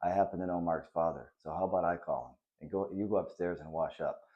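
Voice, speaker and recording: A man reading the part of a kind, patient father who talks softly and reassuringly to his son in a children's story. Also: low-pitched, fast talker, lo-fi sound, close to an everyday voice. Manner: soft and reassuring.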